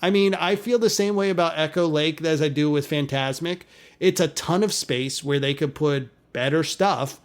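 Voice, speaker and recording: A man's voice: fairly high pitch, moderate pace, smooth. Chatty man with a raised voice. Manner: chatty, rambling, laughs often. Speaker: podcast co-host. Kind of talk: casual chat.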